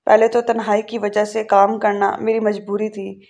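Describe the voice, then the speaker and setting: A woman reading the lines of a terse middle-aged husband who teases his wife in a dry, quiet way. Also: medium pitch, little pitch movement, lightly acted. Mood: teasing.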